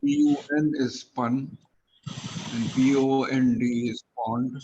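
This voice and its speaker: Slow, patient tutor, a man. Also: mid-range voice, flat delivery, mellow, muffled recording, slight background noise. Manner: patient, explains step by step, spells words out. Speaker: English tutor. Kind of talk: one-on-one pronunciation lesson.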